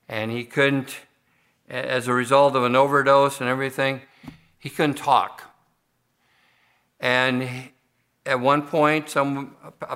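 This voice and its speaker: An older man delivers a sermon from the pulpit in a bright, clear-toned voice. He speaks in a measured, unhurried way. He often stops mid-phrase and starts over before moving on. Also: mid-range voice. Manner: measured, unhurried delivery with frequent pauses and restarts. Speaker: pastor.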